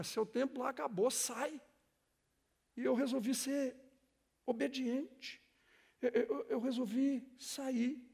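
Brazilian male pastor, high husky voice, emphatic sermon with call-and-response to the congregation. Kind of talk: sermon with storytelling. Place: church hall.

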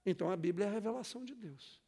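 Brazilian male pastor, high husky voice, emphatic sermon with call-and-response to the congregation. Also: racing, dark tone. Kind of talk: sermon with storytelling. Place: church hall.

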